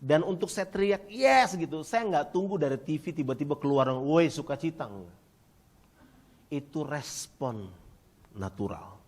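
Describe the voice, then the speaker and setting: A male pastor preaching a sermon, talking straight to the congregation and calling for their replies, swinging from near-shouts down to quiet, low passages. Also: normal speed, pauses often. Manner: emphatic preaching, rising to near-shouts, then dropping quiet; addresses congregation directly, asks for replies.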